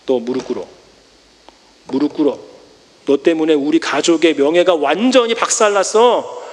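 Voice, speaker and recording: A man's voice: on the high side, normal speed, big-room sound, voice pushed down, natural voice. A man voicing a stern father who harshly orders his disgraced son to kneel. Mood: angry scolding. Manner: harsh, commanding scolding.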